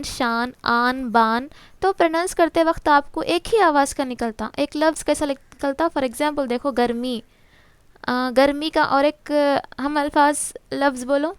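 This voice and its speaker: A woman's voice: sits high, no room sound. A woman teacher walks through a textbook lesson, asking and answering her own questions and mixing in English terms. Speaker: exam-prep teacher.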